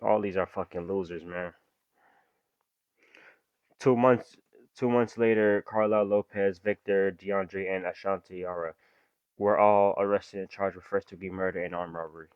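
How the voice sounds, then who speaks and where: A man's voice: deep voice, fairly even intonation, normal speed, clean tone, dry recording, lo-fi sound. A young man, reading true-crime text aloud and breaking off into casual slangy reactions. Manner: reads story aloud, then breaks off into slangy asides. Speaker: reaction video host.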